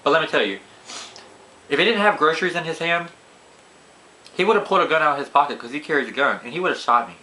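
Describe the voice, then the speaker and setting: Animated young man telling a story. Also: quick pace, long pauses, low-quality recording. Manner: animated storytelling, voice jumps high when quoting himself. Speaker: vlogger. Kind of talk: casual story time while eating.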